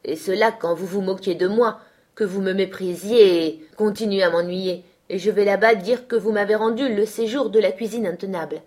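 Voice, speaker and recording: A woman's voice: medium pitch, normal speed, mellow, natural voice. Lady doing a grumpy young guy in an audiobook, snappy and hostile. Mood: surly. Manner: gruff and snapping. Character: surly, gruff young man, brooding and hostile. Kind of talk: audiobook character voice.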